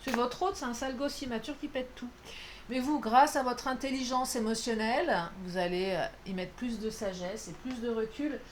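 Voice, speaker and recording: A woman's voice: on the high side, normal speed, noisy background. A woman doing a casual, playful card reading, chatty and self-mocking with lots of fillers. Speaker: tarot card reader.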